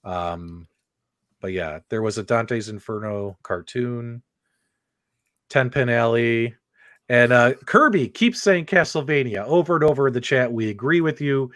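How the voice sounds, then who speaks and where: An enthusiastic man hosting a video game talk show leads a casual livestream chat, repeating phrases for emphasis. His mid-range voice is expressive and fairly bright at a measured pace, sounding dry and close with very little room around it.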